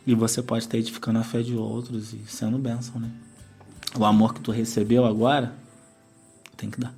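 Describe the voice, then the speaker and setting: A man's voice: medium pitch, flat delivery, brisk, creaky, a little mellow, faint music behind. A man hosting a faith radio interview in a pastoral, consoling way. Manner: consoling, keeps adding "né?". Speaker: radio program host.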